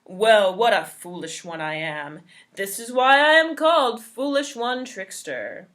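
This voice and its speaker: A woman's voice: mid-range voice, very animated, measured pace, fairly bright tone. A woman voicing a boastful, foolish male trickster from a folktale, with a blustering, declamatory storybook manner. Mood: boastful, defiant. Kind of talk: folktale character voice.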